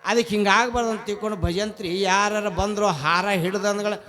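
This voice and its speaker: A man with a North Karnataka accent telling a devotional story as a sermon, lively and acting out characters' quoted words. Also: high voice, brisk, faint music behind. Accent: North Karnataka Kannada. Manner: animated, voices characters in quotes. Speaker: religious storyteller.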